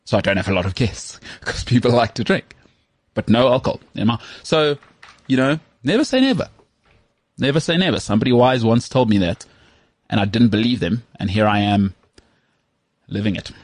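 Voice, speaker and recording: A man's voice: medium pitch, lively intonation, moderate pace, pauses often, no echo. A man in his thirties hosting a casual chat, rambling and self-mocking with lots of restarts. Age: 30s. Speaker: podcast host.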